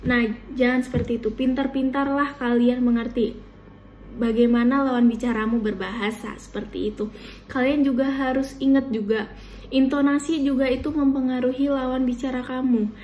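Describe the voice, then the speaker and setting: Young woman, student, from Indonesia, high-pitched, casual chatty advice, filler words, faint background noise. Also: darkish tone. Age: young adult. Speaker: university student. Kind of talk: informal talk giving tips to viewers.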